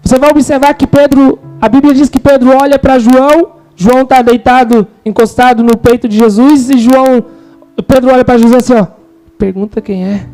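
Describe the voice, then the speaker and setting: Fervent high-voiced Brazilian man preaching. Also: flat delivery, a little fast, warm tone, faint music behind, low-quality recording. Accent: Brazilian Portuguese. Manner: fervent, quotes scripture and acts out disciples' lines. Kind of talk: sermon. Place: church.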